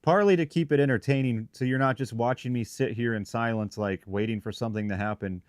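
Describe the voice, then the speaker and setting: A man's voice: mid-range voice, brisk, no room sound, clean studio sound. A man hosting a live stream, talking informally and thinking aloud in rambling, broken phrases as he chats with viewers. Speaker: livestream host, paranormal investigator. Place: shop.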